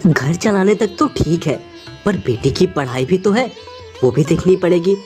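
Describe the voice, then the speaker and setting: A woman voicing a poor hardworking maid and mother, soft and humble, in an animated story. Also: fairly low pitch, normal speed, soft background music, natural voice. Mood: gentle.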